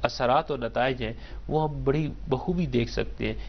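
Male scholar guest, steady lecturing delivery, builds his case with examples, somewhat muffled audio. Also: medium pitch, gravelly, a little hiss or hum. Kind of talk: explanatory talk on a studio show.

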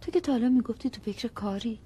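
A woman's voice: on the high side, mellow, slightly rough. An actress playing a worried wife who keeps pressing her brooding husband to say what is wrong, in a broadcast drama. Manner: persistent, coaxing.

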